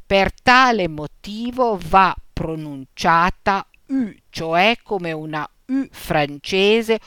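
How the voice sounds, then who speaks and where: A woman reading a lesson on Latin pronunciation, slow and deliberate, spelling out letters and example words. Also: medium pitch, animated, a bit bright, smooth, no room sound, clean studio sound. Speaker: teacher.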